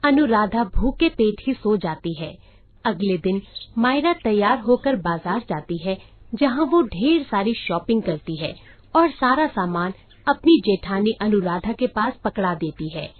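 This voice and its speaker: A woman's voice: mid-range voice, a little slow. Woman narrating a cartoon story, phone-thin. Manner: steady storytelling. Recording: tinny phone-like sound.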